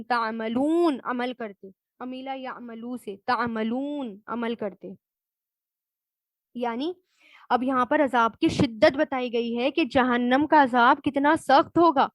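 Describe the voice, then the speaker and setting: A woman's voice: high voice, no echo, rough recording. A woman Quran teacher, giving a word-by-word lesson and glossing each recited Arabic word.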